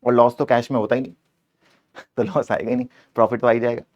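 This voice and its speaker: A man's voice: medium pitch, flat delivery, a little fast, a little mellow, dull audio. A man teaching an exam-prep accounting lesson, playfully scolding the answer options and switching between Hindi and English.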